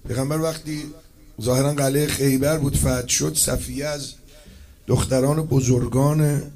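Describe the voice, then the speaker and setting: Gravelly man preaching an impassioned sermon. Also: fairly even intonation. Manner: swings from low murmurs to loud impassioned cries. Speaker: preacher addressing poets and eulogists. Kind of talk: emotional religious mourning sermon.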